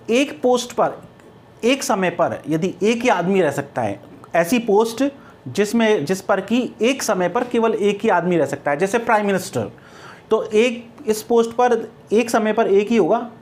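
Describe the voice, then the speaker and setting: A middle-aged man with an Indian accent teaching English grammar, explaining step by step and answering his own questions. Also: sits high. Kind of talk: classroom grammar lecture.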